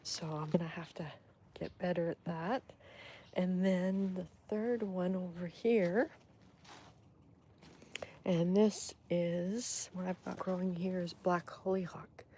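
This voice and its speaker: A woman's voice: lowish voice, fairly even intonation, takes it slowly, dark tone, a little hiss or hum. A woman hosting a casual livestream, chatting in a rambling, fond way as she walks through her garden with her phone. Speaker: host. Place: outdoors in a garden. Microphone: phone held in hand.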